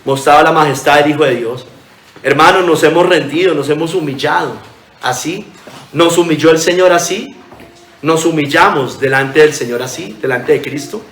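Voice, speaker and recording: A man's voice: on the high side, normal speed, fairly bright tone, roomy sound, slight background noise. A pastor preaching a sermon in earnest, reading scripture aloud and calling his listeners brothers.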